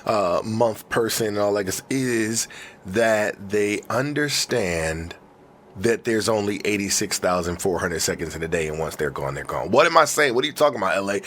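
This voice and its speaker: A man hosting a podcast in lively casual chat, his voice distorted by audio clipping from a mic recorded too loud. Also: lowish voice, slight background noise. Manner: energetic, hyped-up delivery. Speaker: podcast host.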